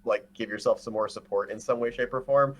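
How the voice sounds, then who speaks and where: A man's voice: medium pitch, steady tone, fairly quick. A man co-hosting a casual podcast, talking eagerly and often restarting his phrases. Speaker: podcast co-host. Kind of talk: casual podcast chat about a card game.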